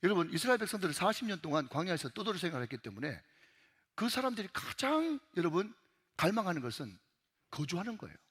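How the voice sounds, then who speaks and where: A man's voice: high-pitched, sing-song, fast, a bit bright, slightly rough, in a large hall. A male pastor with a Gyeongsang accent preaching an emphatic sermon in a church, repeatedly calling out to the congregation. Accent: Gyeongsang Korean. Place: church sanctuary.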